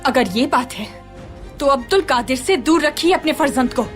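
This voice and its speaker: A high-voiced, accusing palace lady. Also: expressive, normal speed, faint music behind. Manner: accusatory, pointed.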